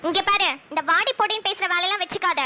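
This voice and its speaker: A woman's voice: very high-pitched, fast talker, bright, forceful tone, slight background noise. A woman voicing a fiery young woman who scolds hard in a cartoon. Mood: angry. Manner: scolding, fierce. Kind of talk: cartoon voice acting.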